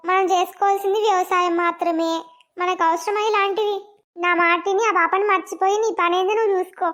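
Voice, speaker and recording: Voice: very high-pitched, steady tone, a little fast, fairly bright tone, slight background noise. A voice actor playing a blunt, teasing young village friend in a cartoon, with a Telangana accent. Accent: Telangana Telugu.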